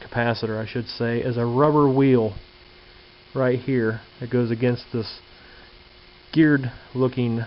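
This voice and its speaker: Captured on a camcorder's handheld mic with dull, hissy lo-fi sound, a man shows off things in his home workshop or garage, thinking aloud in a folksy, casual manner as a hobbyist presenter. He speaks a little slowly in a steady, mid-range voice.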